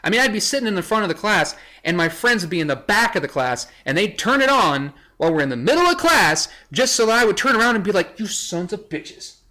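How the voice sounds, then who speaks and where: Casting note: young male vlogger, bright, slightly high voice, sarcastic and rambling. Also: very animated, fast talker, few pauses. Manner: sarcastic, rambling, self-correcting. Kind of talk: casual commentary reading a list.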